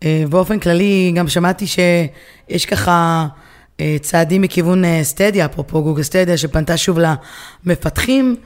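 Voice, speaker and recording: A woman with an Israeli accent co-hosting a casual discussion, often pausing to search for her words. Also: lowish voice. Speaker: podcast co-host.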